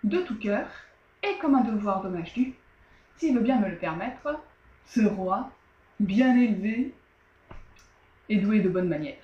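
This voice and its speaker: A woman's voice: medium pitch, animated, a little slow, pauses often, close to an everyday voice. A clever young queen, formal and courteous in every phrase, as a woman storyteller puts her on. The sound is roomy and slightly muffled.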